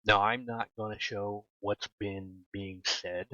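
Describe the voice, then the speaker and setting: A man's voice: fairly low pitch, little pitch movement, slow, pushed and bright, no echo, lo-fi sound. A man giving casual gameplay commentary as a gaming YouTuber, ranting in an exasperated tone and repeating his points for emphasis.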